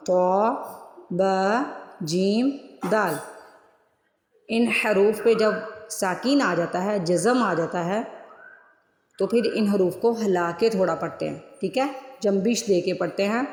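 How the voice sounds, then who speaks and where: Patient Quran teacher man, echoey reverb. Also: high-pitched. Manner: drills letters and words slowly, repeating each several times; patient, instructive tone addressing students directly. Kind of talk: online tajweed lesson. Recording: roomy recording with long reverb tail.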